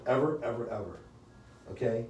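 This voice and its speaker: This American sales coach for real estate chats and jokes with his seminar audience in a meeting room, often checking "okay?". His medium-pitched, darkish voice runs a little fast. He's far from the mic, so the audio is dull, echoey, and faintly hissy.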